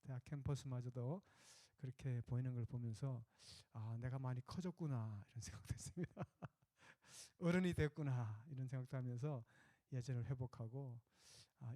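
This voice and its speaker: A male pastor preaching a sermon in a conversational, anecdotal way, with fillers and pauses. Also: mid-range voice, warm tone, no echo.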